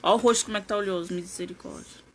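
A woman's voice: medium pitch, steady tone, rapid-fire. A woman hosting a casual craft live stream, chatting with viewers and greeting them by name.

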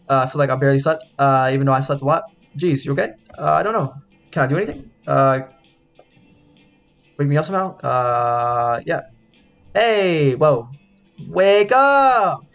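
Guy streaming a game and reading the lines out, kinda high voice, muffled mic, swears a bunch. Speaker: gameplay streamer reading dialogue aloud. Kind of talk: casual let's-play commentary.

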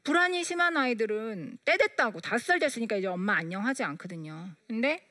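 A woman's voice: fairly high pitch, a bit bright, no room sound, clean studio sound. A woman giving a lecture on parenting, telling stories and acting out the dialogue in quoted voices. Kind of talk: storytelling lecture.

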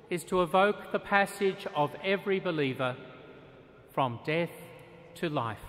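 A middle-aged man gives a measured, solemn sermon, pausing deliberately between phrases. His voice sits slightly high for a man. He speaks into a lectern microphone, and the vast stone cathedral around him carries a long, lingering reverb. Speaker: archbishop preaching.

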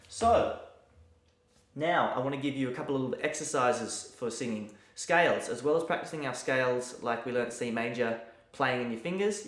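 A man giving a relaxed, chatty music lesson at home, sometimes breaking into sung scales to demonstrate. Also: medium pitch, reverberant. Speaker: piano and music teacher. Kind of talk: casual video lesson. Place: room at home during lockdown. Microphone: mic near the camera.

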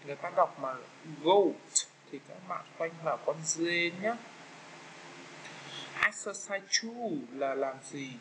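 A man with a Vietnamese accent teaching young children English, patiently walking through an exam and repeating each word slowly. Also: a little high, animated, fairly bright tone, slight background noise, poor audio.

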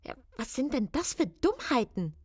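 A woman's voice: high-pitched, very animated, moderate pace, slightly rough, no room sound, pitched above the performer's own voice, exaggerated voice. A woman voicing a confused young girl who obeys a silly phone caller, in a storybook. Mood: bewildered. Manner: bewildered, rising to a shout. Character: confused girl, older sister answering phone.

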